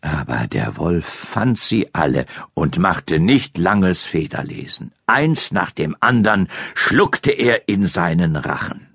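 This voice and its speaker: A man narrating a fairy-tale audiobook in a dramatic, expressive storytelling style. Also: low voice, slow pace, gravelly, hardly any pauses, breathy edge, dry recording, studio quality. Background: classical music.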